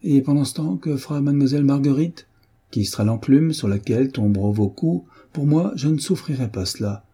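Man reading as stern village mayor, firm declaiming tone, lifted pitch, husky, storybook. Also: fairly quick, dark tone.

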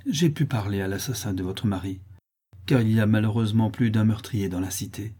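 Guy reading a crushed young woman, faint and low key, dark husky tone. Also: a little fast. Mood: subdued. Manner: faint and subdued.

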